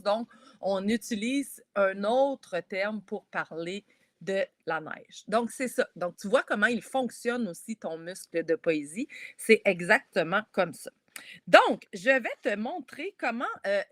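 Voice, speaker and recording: A woman's voice: mid-range voice, no echo, clean studio sound. Encouraging Québécoise woman teaching kids. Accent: Québécois French. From Quebec. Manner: lively, encouraging, explains step by step while talking straight to kids. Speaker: children's author leading a workshop. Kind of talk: teaching schoolchildren over a video call. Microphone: video call.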